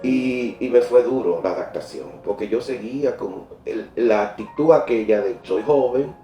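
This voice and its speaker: A middle-aged man telling a faith testimony in a church interview, animated and often laughing, repeating words when he gets excited. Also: medium pitch, moderate pace, roomy sound, far from the mic, faint music behind. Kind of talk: emotional personal testimony.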